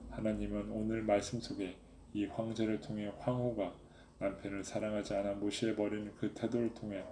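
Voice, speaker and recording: Man, preacher, earnest sermon and prayer, flat low voice, roomy echo. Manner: earnest, reflective, pleading in prayer. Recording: echoey room, faint background noise.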